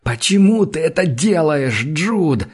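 A man voicing a desperate, furious young man who shouts and turns bitterly sarcastic. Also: medium pitch, normal speed, slightly rough, lightly acted. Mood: shouting.

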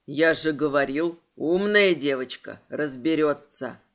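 A woman voicing an ancient solemn male dragon, speaking in a grave, slow, measured way. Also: sits low, voice pushed down.

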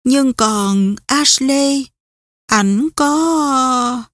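A woman's voice: very slow, no room sound. A nervous young wife asks her questions in a raised, stumbling voice, as a woman narrator puts her on. The sound is close and dry. The storybook reading lifts her well above the narrator's usual tone. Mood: anxious. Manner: high, anxious, stammering. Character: anxious young Southern wife.

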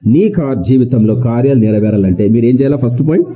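A man's voice: mid-range voice, lively intonation, fast, mellow, highs cut off. A man preaching a sermon to his congregation, firing rhetorical questions at them and repeating key words for emphasis. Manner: colloquial, mixes in English words.

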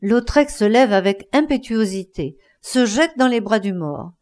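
A woman's voice: on the high side, expressive, a little slow, a little mellow. A woman narrating a classic French novella as an audiobook reader, reading the characters' lines without much change of voice.

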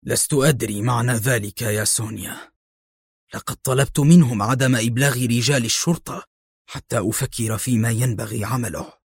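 A man's voice: medium pitch, fairly quick, husky, dry recording, studio quality. A man voicing a shaken, blustering crime boss. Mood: troubled. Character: nervous businessman secretly leading a crime ring.

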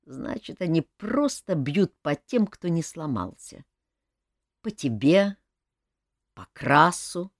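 Woman narrator voicing a despairing male king, tearful and broken; low, swinging delivery; dry read. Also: very animated, takes it slowly, pauses often, no echo, exaggerated voice. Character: grieving middle-aged male king, despairing. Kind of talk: audiobook character reading.

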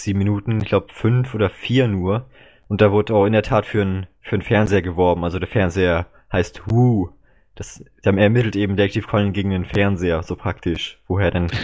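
A man's voice: sits low, a little mellow. A man co-hosting a casual fan podcast, chatty and opinionated, with a few hesitant restarts. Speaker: podcast co-host.

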